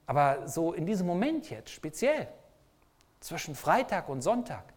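A man's voice: fairly high pitch, sing-song, measured pace. A man preaching a sermon, speaking emphatically and asking the listeners repeated rhetorical questions.

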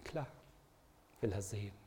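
A man's voice: lowish voice, measured pace, mellow, slight background noise. A man preaching a sermon, speaking emphatically and asking the listeners repeated rhetorical questions.

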